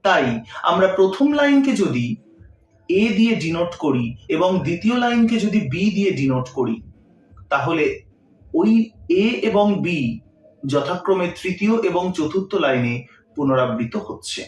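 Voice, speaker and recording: A man teaching a literature lesson, explaining in short, measured phrases and mixing in English terms. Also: high-pitched, sing-song. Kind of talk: literature lecture. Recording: roomy echo, mic set far off.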